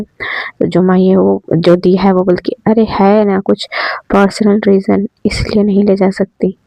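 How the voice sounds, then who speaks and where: A woman's voice: medium pitch, mellow, no room sound, poor audio. A woman casually retelling a love story in a chatty way, addressing the listeners directly.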